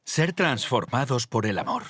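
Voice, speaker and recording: Lively male preacher. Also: medium pitch, normal speed. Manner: storytelling, acting out both sides of dialogues. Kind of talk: sermon.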